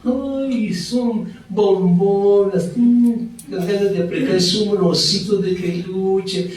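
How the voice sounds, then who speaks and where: A man voicing a churchgoer who gushes in a soft cooing way, in an echoey hall. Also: high-pitched, steady tone, takes it slowly, slight background noise. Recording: echoey hall, mic far off.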